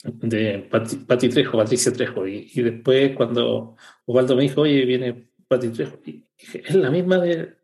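A man hosting a podcast, talking in a relaxed, halting way with frequent restarts. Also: medium pitch. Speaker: podcast host. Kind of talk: casual interview chat.

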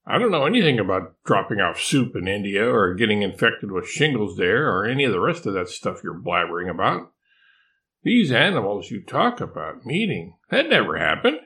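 A man's voice: on the low side, moderate pace. An older man doing a teasing female bearded dragon. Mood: mock concern. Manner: feigned calm, teasing, deadpan concern. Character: mischievous female bearded dragon, playing a prank.

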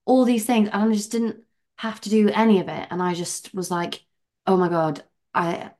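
A woman's voice: on the low side, normal speed, a little mellow. A young woman from England, a podcast guest, chatting casually and animatedly with lots of "like" fillers. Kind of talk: casual interview chat.

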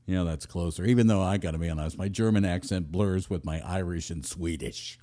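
A man hosting a podcast, telling a comic story in a wry, self-mocking way, swinging between loud and murmured. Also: sits low, fairly quick. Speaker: podcast host, author.

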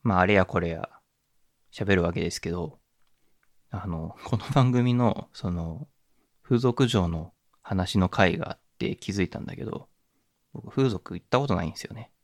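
Low-voiced man musing on a podcast. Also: moderate pace, dry recording, clean studio sound. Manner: reflective, musing, many fillers and restarts. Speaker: podcast host. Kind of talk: casual solo podcast talk.

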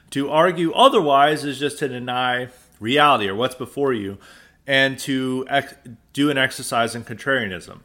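An American man holds forth alone on his commentary podcast in a mid-pitched voice. He talks loosely, restarts sentences, and leans into a sarcastic, exasperated edge. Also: fairly bright tone. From United States. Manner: loose, conversational, with frequent restarts. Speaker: podcast host. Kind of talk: solo political commentary podcast.

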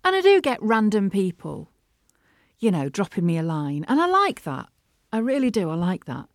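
A middle-aged woman with a Mancunian accent, hosting a casual solo podcast from her studio, chatty and animated. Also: mid-range voice, moderate pace, no echo. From Manchester, England. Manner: chatty and animated, laughs often. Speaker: podcast host and voiceover artist. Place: home studio.

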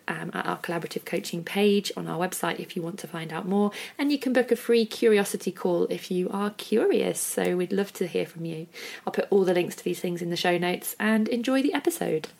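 A woman co-hosting a podcast, talking in a reflective, casual way with frequent pauses and fillers. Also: fairly low pitch, vocal fry, darkish tone. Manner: thoughtful, hesitant, many fillers. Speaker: podcast co-host.

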